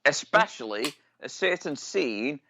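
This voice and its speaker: A man's voice: a little high, big pitch swings, unhurried, sharp tone, slight background noise. A man co-hosting a podcast, cheeky and teasing with crude jokes. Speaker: podcast co-host. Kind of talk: casual chat. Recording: dull lo-fi dry sound.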